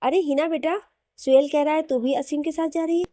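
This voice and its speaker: A woman's voice: sits high, steady tone, moderate pace, no echo, clean studio sound, lightly acted. A woman voicing an affectionate middle-aged mother who speaks dotingly. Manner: warm, doting.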